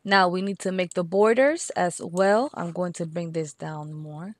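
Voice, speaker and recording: A woman with a Spanish accent talks through a software craft tutorial step by step, slowing down to repeat each number. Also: fairly low pitch. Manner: patient, repeats steps and numbers slowly.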